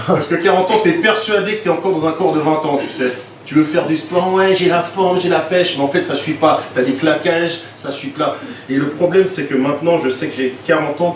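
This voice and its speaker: Stand-up comic, man, 40s, from Switzerland, quick asides, far mic in an echoey, noisy club. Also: on the high side. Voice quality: lively, quick asides with laughs to the crowd. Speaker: stand-up comedian. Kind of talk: stand-up comedy set. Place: comedy club stage.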